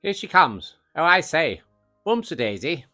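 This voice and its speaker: A jaunty male newsreel announcer from the 1930s, as a man puts him on, delivering old newsreel narration in a bright, lively voice that leaps up and down. The tone is chirpy and plummy, pitched somewhat high, with faint music underneath. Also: a little slow, exaggerated voice. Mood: excited.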